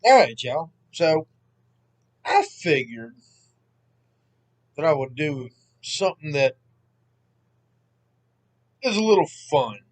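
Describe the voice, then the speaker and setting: Slow and fairly high-pitched, this Mississippi man in his thirties lets long pauses settle into his at-home history channel chat. He's relaxed and rambling, and often gently mocks himself.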